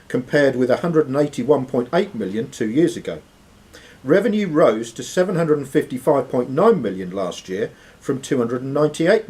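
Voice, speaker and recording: A quizmaster with a mid-range, darkish voice reads questions aloud to the contestants. He's in a social club room surrounded by players, and the live recording is noisy.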